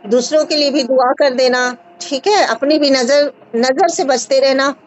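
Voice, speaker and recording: On a live video call filmed with her phone's front camera, a woman in her thirties calmly guides a caller through a skin remedy from a curtained room at home. Her high-pitched voice is unhurried and the audio dull, and she often adds reassuring checks like "है ना?".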